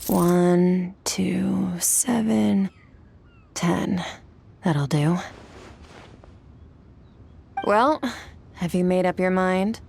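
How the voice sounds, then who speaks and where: A woman playing an aloof, blunt and mysterious warrior in a video game, speaking in a cool, measured, self-assured way. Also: on the low side, gravelly, darkish tone, a little hiss or hum, heavily acted. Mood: impatient. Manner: cool, detached, terse, measured. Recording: faint music behind.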